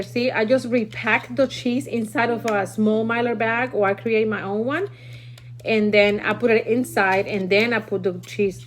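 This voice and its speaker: This livestream host is a Puerto Rican woman, a native Spanish speaker with a Puerto Rican accent and a mid-range voice, casually chatting while demonstrating food storage. Her manner is instructive and talkative, with frequent "okay?" tags, and the live stream is recorded in a noisy room.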